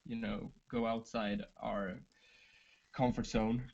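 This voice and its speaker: Gravelly man, lo-fi. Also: lowish voice, level tone, takes it slowly, a little mellow. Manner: searching for words. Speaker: band member on livestream. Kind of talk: casual livestream chat.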